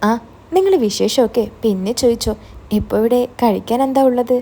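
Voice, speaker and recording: A woman's voice: fairly high pitch, a little fast, warm tone, husky. A woman voicing a blunt, teasing young man who is the hero's old college friend.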